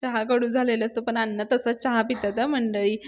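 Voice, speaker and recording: A woman's voice: fairly high pitch, flat delivery, brisk, a little mellow, a little hiss or hum. A woman reviewer recapping a serial episode in a chatty storytelling way, speaking directly to her audience.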